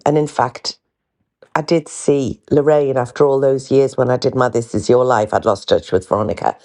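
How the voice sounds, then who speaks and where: An older woman from North East England, with a faint Geordie accent, hosts a podcast in a deep, warm voice. She tells stories candidly and casually, often saying "um" and restarting her sentences.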